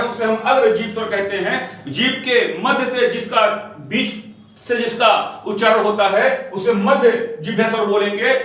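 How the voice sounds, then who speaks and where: A male teacher giving a grammar lecture, slowly repeating each sound and often checking that students follow. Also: high-pitched, a bit bright. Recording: echoey room, voice from far off.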